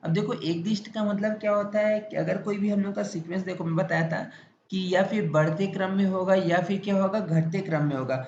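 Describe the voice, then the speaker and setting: A man with an Indian accent lectures a maths class, his voice sitting fairly high. He repeats points and fires questions at the students, then answers them himself. The sound is roomy and echoey, a little muffled, with faint background noise. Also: fairly even intonation, a little mellow. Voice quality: repetitive, drawn-out explanatory delivery. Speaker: maths teacher.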